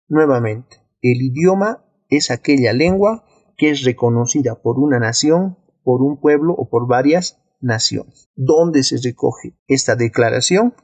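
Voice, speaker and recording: A man's voice: medium pitch, no echo. A man with a Bolivian Spanish accent teaching a video lesson, explaining step by step and posing rhetorical questions. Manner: clear, steady, didactic delivery with rhetorical questions.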